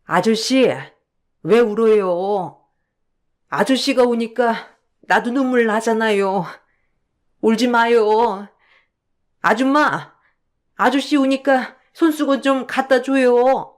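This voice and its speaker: A woman's voice: a little high, slow pace, pauses often. A woman voicing an elderly mother who has the mind of a seven-year-old girl, in a radio drama, talking in a childish, petulant way. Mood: tearful. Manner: childish pleading, petulant demands. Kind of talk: Korean radio drama acting.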